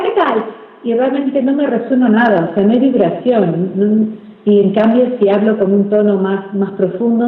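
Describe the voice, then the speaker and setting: A woman from Argentina talks as a guest speech therapist. She is measured and deliberate and stretches sounds out to demonstrate them. The recording is roomy and a bit dull, like lo-fi audio. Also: on the high side. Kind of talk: explanatory interview talk.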